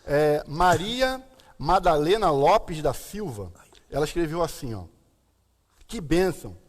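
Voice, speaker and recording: A Brazilian man speaks with a slushy lisp and a slightly high-pitched voice. He explains scripture informally, often checking that listeners follow. Long reverb surrounds his voice like a hall. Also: big pitch swings, slow. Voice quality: lisp from a tied tongue, slushy s. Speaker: pastor and live-stream host. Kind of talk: informal Bible teaching on a live stream.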